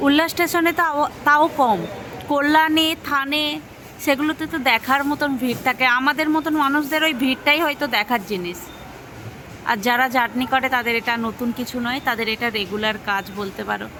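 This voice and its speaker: A woman's voice: sits high, brisk, sharp tone. A young woman narrating a daily-life vlog, chatting directly to her viewers as she goes about her day. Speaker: vlogger. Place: home, market and railway stations. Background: street and vehicle noise.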